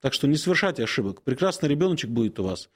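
A man in his forties speaks as a priest on a call-in advice show. His voice sits at an ordinary middle pitch, and he talks without hurry. He pauses often and fills the gaps with hesitant sounds while he gives gentle counsel. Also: big pitch swings, breathy edge. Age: 40s. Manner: unhurried, many hesitations, gently advising. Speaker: Orthodox priest answering questions.

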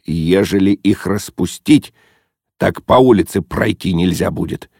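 Man playing a grumpy old father, gruff, sighing, groaning, gravelly, dry. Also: low voice, a little slow, mellow, no echo.

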